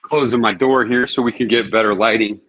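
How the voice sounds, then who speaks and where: A man's voice: medium pitch, fairly even intonation, brisk, dull audio, a little hiss or hum. A man hosting his own cooking vlog, chatting casually and thinking aloud as he grills. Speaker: cooking show host.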